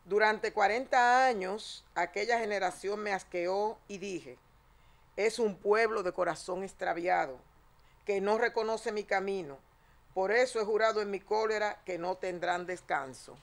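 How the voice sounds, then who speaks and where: A woman's voice: medium pitch, a little slow. A woman in her sixties reading scripture and psalms solemnly as a lector at Mass in a small chapel. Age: 60s. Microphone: lectern microphone.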